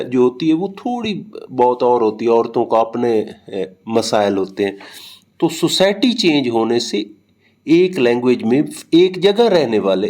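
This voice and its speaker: In this recorded linguistics lecture, a Pakistani man with a medium-pitched, slightly mellow voice teaches patiently, illustrating points with everyday examples. He hesitates frequently, using lots of fillers.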